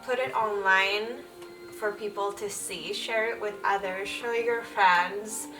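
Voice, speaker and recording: Taking it slowly with fairly even intonation, a young Finnish-speaking illustrator vlogger chats casually and laughs lightly while responding to viewers' questions. Her medium voice is distant from the mic, the recording rough, with music playing beneath.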